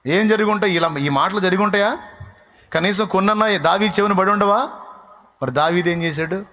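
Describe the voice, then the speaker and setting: A man preaching with dramatic storytelling. His voice sits fairly high, and he acts out villagers and heroes in colloquial voices. He swings between loud exclamations and low, confiding asides. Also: brisk. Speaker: pastor. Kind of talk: sermon.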